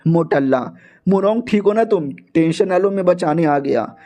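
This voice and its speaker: A man voicing a cocky, protective young male hero in a low, gruff and casual manner. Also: expressive, moderate pace, warm tone, faint music behind.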